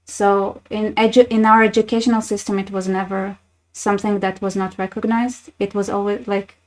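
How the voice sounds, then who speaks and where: Woman hosting her channel, chatty and wry, kinda monotone, lots of restarts. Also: medium pitch, normal speed, low-quality recording. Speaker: channel host. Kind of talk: casual commentary reading posts.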